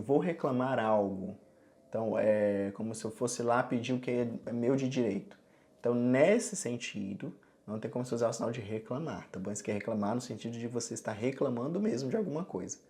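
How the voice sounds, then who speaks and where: A man's voice: mid-range voice, animated, a little fast, warm tone. A man from Brazil giving a casual sign language lesson, explaining step by step and often checking in with the viewer. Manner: chatty, explains step by step, frequent "tá bom?" check-ins.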